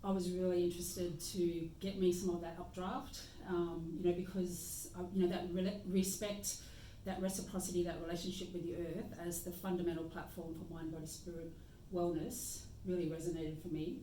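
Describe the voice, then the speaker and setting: A lower-voiced Australian woman with a mellow, soft tone talks reflectively and unhurriedly. She sits back from the mic, and the room gives her voice a noticeable echo. A faint background hiss runs underneath. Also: flat delivery, normal speed, hardly any pauses. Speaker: guest practitioner. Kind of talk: casual conversation. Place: meeting room indoors. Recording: echoey room, mic at a distance.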